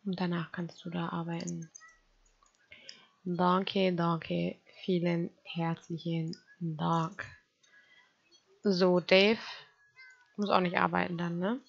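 A woman's voice: on the low side, little pitch movement, slow, gravelly, slightly rough, muffled recording. A woman giving casual let's play commentary, chatting to her game characters and to her viewers.

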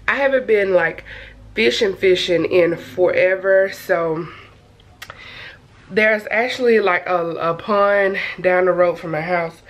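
A young woman in her twenties chatting casually to the camera at home for her vlog. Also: on the low side. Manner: relaxed, chatty, talking straight to camera. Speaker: vlogger. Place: bedroom at home, indoors.

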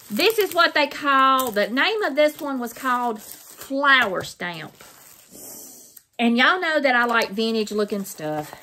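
A woman's voice: a little high, pushed and bright. A middle-aged woman with a Mississippi Southern accent, chatting casually in a folksy, rambling way as she shows craft purchases. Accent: Mississippi Southern American. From Mississippi, United States. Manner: folksy, rambling, repeats herself. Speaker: craft vlogger. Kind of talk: casual unboxing chat. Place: small plain room indoors. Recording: noisy room, crinkling plastic.

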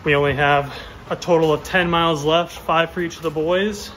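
Running outdoors with his dogs, a man vlogs casually in a chatty, upbeat way. His fairly high voice is fairly bright and fairly even in intonation, moving at a moderate pace, with slight background noise from the runs and the yard.

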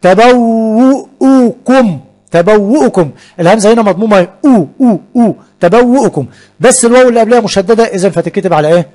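Fast, high-voiced Egyptian teacher. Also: male voice, lively intonation, a little mellow. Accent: Egyptian Arabic. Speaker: Arabic teacher. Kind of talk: classroom grammar lesson.

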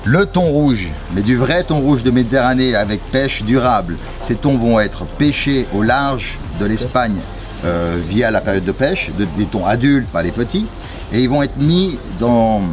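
A man's voice: medium pitch, measured pace. A man in his forties from Geneva, a chef explaining his dishes with enthusiastic detail on an outdoor restaurant terrace. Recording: outdoor city traffic noise.

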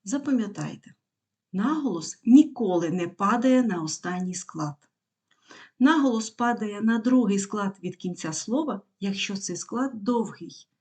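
Slow, deliberate woman teaching pronunciation. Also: medium pitch, animated, a little mellow. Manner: reads word lists slowly and clearly, one word at a time. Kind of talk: slow instructional explanation of pronunciation rules.

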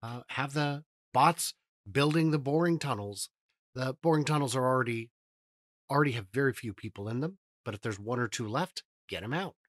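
A man's voice: medium pitch, normal speed, dry recording. Upbeat man on a dry headset mic. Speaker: guest. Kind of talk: casual video-call interview. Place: indoor room. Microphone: headset on a video call.

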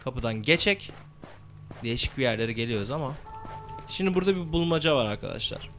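A young man commentating a game he plays, swearing freely and shouting spell words into his mic. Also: medium pitch, lively intonation, fast talker, faint music behind. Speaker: gameplay commentator. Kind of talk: let's play commentary.

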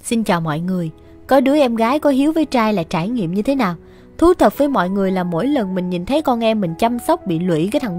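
A woman narrating a radio story in a chatty, gossipy, exasperated way. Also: on the high side. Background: soft music.

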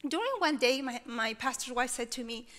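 Bright-voiced woman with a Peruvian accent. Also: fairly high pitch, normal speed. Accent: Peruvian Spanish. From Peru. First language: Spanish. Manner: expressive, gestures while speaking. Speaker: chapel speaker. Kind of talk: personal testimony talk. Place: large auditorium stage. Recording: long reverb of a large hall.

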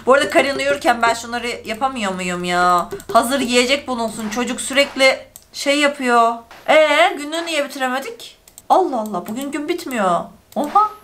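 A woman's voice: sits high, lively intonation, moderate pace, a bit bright, slight background noise. A woman hosting a gaming channel, chatting through a let's-play in a talkative, emotional way full of exclamations.

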